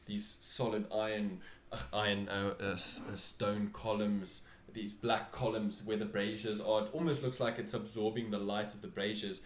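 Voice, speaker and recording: A man narrating a tabletop game as game master, halting and repeating phrases as he searches for words. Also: fairly low pitch, flat delivery, a little hiss or hum. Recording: roomy, echoing home recording.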